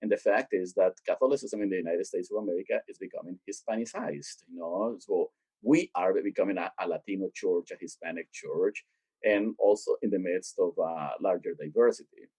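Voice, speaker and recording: A Boston-based theologian talks about his work as an interview guest, keeping it conversational but growing animated and emphatic as he makes his points. His low voice is a little fast with a breathy edge, and the audio is poor though without echo.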